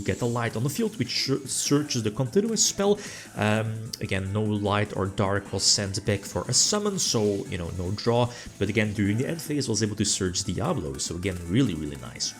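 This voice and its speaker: Low-pitched male gamer, casual rambling match commentary, lots of restarts, soft music bed behind. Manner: rambling, full of fillers and restarts. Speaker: card game player commentating his deck.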